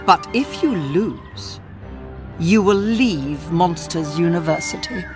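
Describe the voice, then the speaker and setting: A woman voicing a stern, forbidding monster dean in a storybook, formal, measured and menacing. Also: fairly low pitch, lively intonation. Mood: stern warning. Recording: music playing behind.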